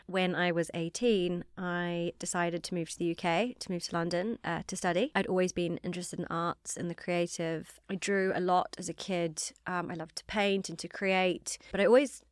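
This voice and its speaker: A young woman from New Zealand with a New Zealand accent, chatting as an interview guest about her career in a quick, self-deprecating way. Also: on the low side, level tone, clear, resonant tone, dry recording, clean studio sound. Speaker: guest, fashion founder. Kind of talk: casual interview storytelling.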